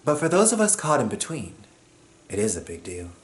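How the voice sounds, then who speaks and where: A Jamaican man shares a personal story before an audience, full of expression as he voices the other people in it. He speaks at medium pitch and a little fast.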